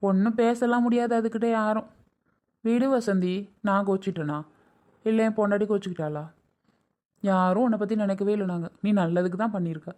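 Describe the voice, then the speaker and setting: Stern uncle lecturing everyone, woman acting it, mid pitch, dismissive drama skit voice. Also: darkish tone, lightly acted. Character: stern older uncle scolding the family.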